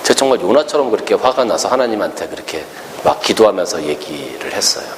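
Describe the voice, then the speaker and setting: A man preaching a storytelling sermon as a pastor, animated and acting out the characters' words. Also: on the low side, fast talker, in a large hall, a little hiss or hum.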